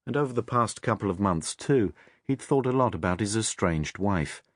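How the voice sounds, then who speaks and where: A man narrating a crime novel audiobook in a measured, expressive storytelling manner. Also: fairly low pitch, dry recording, clean studio sound.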